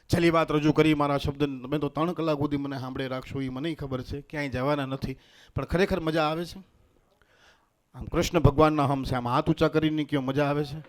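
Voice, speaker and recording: High-voiced comedian. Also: male voice, brisk. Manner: lively, teasing, engaging the crowd. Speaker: stage comedian and mimic. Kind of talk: stand-up comedy at a religious gathering. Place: stage at a festival gathering.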